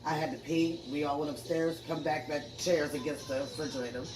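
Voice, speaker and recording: A woman's voice: low-pitched, steady tone, a little fast, reverberant, far from the mic, noisy background. Earnest woman telling a ghost story. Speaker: homeowner. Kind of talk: casual interview.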